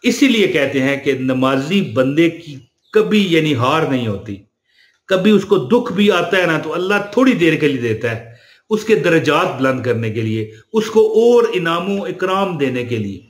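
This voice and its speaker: Religious speaker, male, slightly high voice, chatty, roomy echo. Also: big pitch swings. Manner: chatty, addresses listeners with "ji" fillers. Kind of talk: casual spiritual talk to camera.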